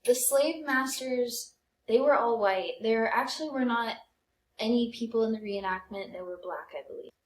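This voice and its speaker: A young adult American woman talks casually and tells personal stories as co-host of a comedy podcast. Her voice is a little high and her pace moderate, captured with roomy, echoey podcast acoustics.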